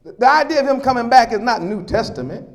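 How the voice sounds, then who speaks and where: High-voiced emphatic male preacher. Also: lively intonation, fast, gravelly. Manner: emphatic, calls for talk-back from congregation. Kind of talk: sermon.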